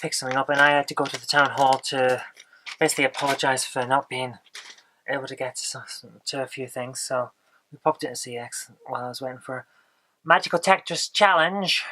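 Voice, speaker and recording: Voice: mid-range voice, fairly even intonation, a little fast, sharp tone, poor audio. An exhausted vlogger, chatting casually and rambling as they search for words. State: exhausted, low on energy. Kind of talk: casual vlog chat.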